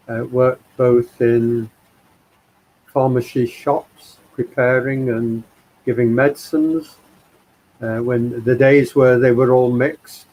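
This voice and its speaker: Guest, male, from Liverpool, calm and unhurried storyteller, over a video call. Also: mid-range voice, poor audio. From England, Liverpool. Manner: slow, thoughtful, many pauses and ums. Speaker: guest speaker. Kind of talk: personal life story.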